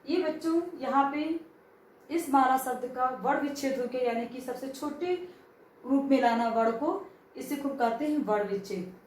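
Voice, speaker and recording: A woman's voice: sits high, normal speed, a little mellow, far from the mic, a little hiss or hum. A woman teacher giving a grammar lesson to children, asking them questions and then answering them herself. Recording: very echoey room, voice from off-mic.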